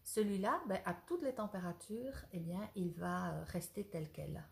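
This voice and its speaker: A woman's voice: on the low side, measured pace, gravelly. A woman who owns a ceramics shop, chatting eagerly through a casual product demonstration and sometimes losing her thread. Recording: roomy echo.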